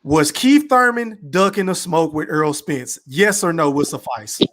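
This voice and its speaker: A man's voice: a little high, lively intonation, moderate pace, a bit bright. A man in a heated, casual boxing debate, pressing with pointed questions in a challenging, teasing, slangy way. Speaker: debater questioning others on a boxing talk show.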